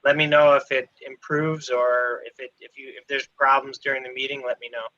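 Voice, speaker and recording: Bright-voiced man on a laggy video call. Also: mid-range voice, level tone. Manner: measured and procedural. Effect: on a laggy video call, frozen video and broken-up audio. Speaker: official advising a zoning board. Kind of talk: formal public meeting talk. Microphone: computer mic on a video call. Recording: dull lo-fi video call audio.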